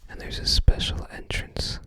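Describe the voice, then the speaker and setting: An ASMR video host whispers softly and breathily, entirely unvoiced, while browsing a game guide book. The unscripted commentary is unhurried and musing, with a tentative, half-remembering quality.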